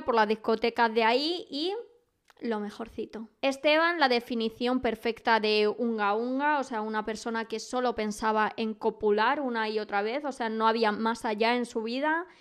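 Young woman, Spain Spanish accent, casual podcast chat, gossipy, animated, smooth clear voice. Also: fairly high pitch. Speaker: podcast host.

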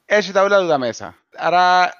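A man with a Cypriot Greek accent, co-hosting a podcast in a measured, explanatory casual discussion. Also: high voice, expressive, a bit bright, clear, resonant tone, no echo, dull audio. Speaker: podcast co-host.

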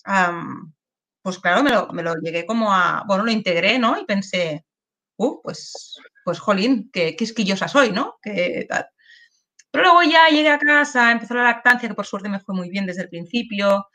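A woman's voice: mid-range voice, expressive, normal speed, pushed and bright. A woman, a guest in an interview, speaking candidly and emotionally with many restarts and tag questions. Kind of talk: personal testimony in an interview.

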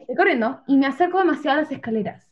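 A young woman telling a funny story among friends, animated and laughing as she goes. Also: sits high, racing. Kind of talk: casual chat. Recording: dull lo-fi sound with faint noise.

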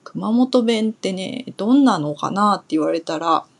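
A woman's voice: medium pitch, lively intonation, normal speed, breathy edge. Chatty young woman teaching Japanese. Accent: standard Japanese. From Kumamoto, Kyushu, Japan. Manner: chatty, thinks aloud with fillers and soft asides. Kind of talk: relaxed solo lesson talk.

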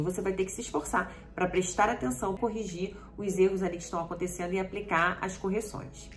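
Chatty, encouraging Brazilian woman teacher. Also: medium pitch. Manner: chatty, encouraging, often asks "sabe?" and "né?". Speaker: English teacher on her channel. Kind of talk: energetic language-learning tips to camera.

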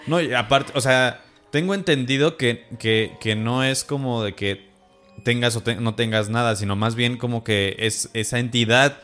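A man's voice: medium pitch, normal speed, fairly bright tone, soft background music. A man, hosting a casual podcast interview and chiming in with short agreements. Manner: attentive, frequent short agreements. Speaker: podcast host.

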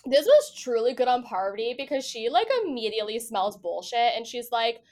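A woman co-hosting a podcast, casually recapping a reality show episode with swearing and lively quoted voices. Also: on the high side, a little fast. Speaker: podcast co-host.

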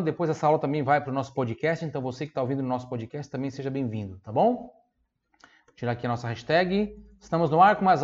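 A man with a southern Brazilian accent from Santa Catarina, teaching an online Italian lesson in a chatty way, often adding tag questions and drilling words slowly for repetition. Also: a little high, a little mellow, dull audio.

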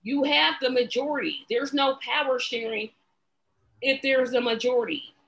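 A woman hosting a casual political talk show, talking in an animated way, often restarting her sentences and adding sarcastic asides. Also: high-pitched, moderate pace, vocal fry, poor audio. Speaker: podcast host.

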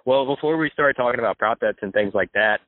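A man's voice: medium pitch, quick pace, dry recording. A man hosting a casual podcast chat, asking easygoing questions to keep his guest talking. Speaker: podcast host. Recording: tinny phone line.

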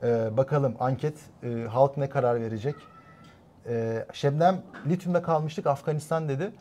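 A man's voice: mid-range voice, moderate pace, dark tone, slight background noise. A young man co-hosting a casual live stream, chatting and reading out viewer poll results. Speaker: co-host.

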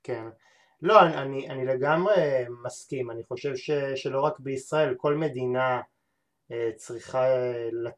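A man interviews his guest at an ordinary middle pitch. He talks haltingly and thinks aloud, stringing his thoughts together with frequent fillers and restarts. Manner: hesitant, many filler sounds and restarts. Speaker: podcast host. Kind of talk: interview conversation.

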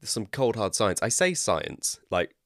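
A man with a West Country accent talks in a very deep, low voice. He explains things in a chatty, rambling way and laughs at his own tangents. The sound is dry and close, with no room echo. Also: very animated, unhurried, fairly bright tone. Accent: West Country English. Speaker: podcast co-host. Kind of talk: casual chat.

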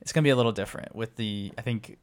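A man's voice: fairly low pitch, very fast. A man co-hosting a casual sports podcast, easygoing and conversational, often correcting small details. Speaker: podcast co-host.

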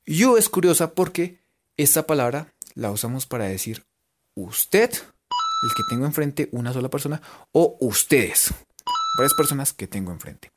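A man's voice: medium pitch, heavy background noise. Playful Colombian man teaching English. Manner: playful, spells letters out and keeps checking in with listeners. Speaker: English teacher on local radio. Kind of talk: radio English lesson.

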